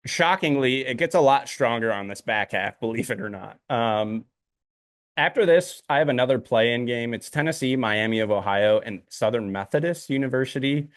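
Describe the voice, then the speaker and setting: A man's voice: medium pitch, normal speed, dry recording, clean studio sound. Rambling man on a podcast. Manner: rambling, many ums and uhs. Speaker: podcast co-host. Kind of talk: casual chat.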